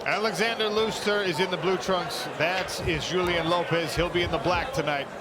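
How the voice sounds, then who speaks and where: A man's voice: sits high, moderate pace, very noisy. A man doing play-by-play sports commentary for mixed martial arts, naming fighters, stats and moves.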